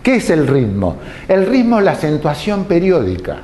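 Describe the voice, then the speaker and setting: A man giving a lecture, explaining slowly and deliberately and posing rhetorical questions to his listeners. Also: fairly high pitch, huge pitch swings, a little mellow, slight background noise. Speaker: tango lecturer.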